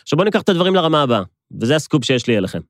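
A man's voice: on the high side, very animated, no room sound, clean studio sound. A man with an Israeli accent hosting a motivational podcast monologue, speaking emphatically and straight to listeners with rhetorical repetition. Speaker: podcast host.

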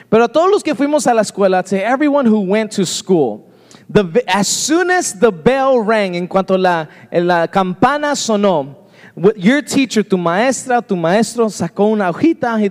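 High-voiced man preaching in a reverberant church. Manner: lively, joking asides to the congregation. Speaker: pastor. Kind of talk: sermon. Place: church sanctuary.

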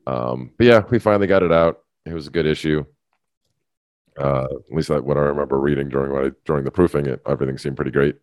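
A man with a very low, deep voice co-hosts a casual podcast, rambling and restarting his sentences as he goes. He laughs often. The sound is dry and close, with no room echo. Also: fast, a little mellow. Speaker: podcast co-host. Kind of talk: casual chat.

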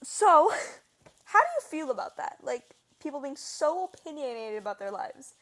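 A young woman with a high, light voice hosts a casual fan podcast. She talks in loose, rambling sentences full of fillers and breaks into laughter easily. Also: big pitch swings, moderate pace, fairly bright tone. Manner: chatty, laughs often, lots of "like". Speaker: podcast host. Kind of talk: casual chat.

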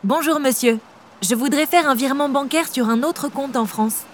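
A woman's voice: high voice, normal speed, slight background noise, lightly acted. A woman voicing a bank customer in a scripted lesson dialogue, speaking politely and formally.

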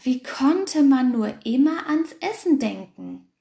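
A woman's voice: high-pitched, very animated, slow pace, vocal fry, mellow, echoey room, pitched above the performer's own voice, exaggerated voice. Woman playing a cross little porcupine. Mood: grumbling. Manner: scolding, indignant. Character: grumpy cold little porcupine, easily angered.

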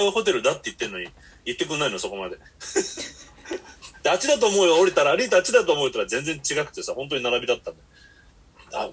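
A man's voice: mid-range voice, fairly bright tone, husky. A man hosting a podcast, telling long rambling stories in blunt casual chat. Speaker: podcast host.

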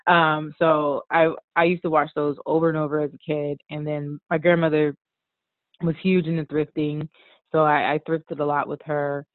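A woman's voice: low voice, moderate pace, no room sound. A woman from the Washington DC area, a costume designer guest, chatting casually with lots of "like" and "um". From Washington DC area, USA. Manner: relaxed, chatty, frequent "like" and "um", laughs often. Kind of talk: casual conversational interview. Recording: tinny phone-like line, dry.

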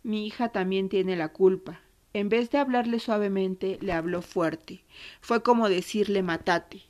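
A woman with an Argentine accent voicing a grieving mother recounting her son's death in a low, subdued tone. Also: a little slow, darkish tone, natural voice. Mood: bitter.

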